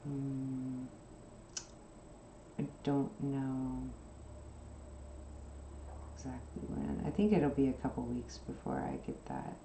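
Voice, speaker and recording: Low, slow-talking woman chatting while sewing. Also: lively intonation, roomy sound, slight background noise. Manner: rambling, soft-spoken, with frequent fillers. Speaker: craft channel host. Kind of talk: casual chat while sewing.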